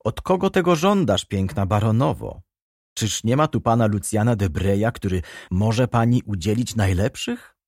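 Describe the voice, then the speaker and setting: A man's voice: fairly low pitch, expressive, no room sound, studio quality. A man reading a stern, grave prosecutor. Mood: polite. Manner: stern, measured, quietly accusing. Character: grave former journalist, now royal prosecutor, man. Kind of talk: audiobook character reading.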